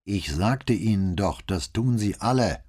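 A man's voice: fairly low pitch, animated, a little slow, a little mellow, pitched above the performer's own voice. A man reading an audiobook and voicing a blunt fisherman who sounds resigned.

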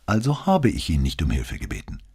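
A man voicing a sharp-tongued woman who argues back with pointed questions in an audiobook. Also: extremely low pitch, wildly swooping pitch, a little fast, husky, full character voice. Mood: argumentative. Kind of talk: audiobook reading.

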